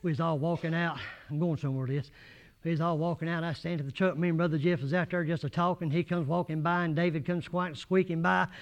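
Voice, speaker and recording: A man preaching a sermon in church, folksy and rising to shouted fervor. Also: fairly high pitch, fairly even intonation, quick pace, lo-fi sound. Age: 80s.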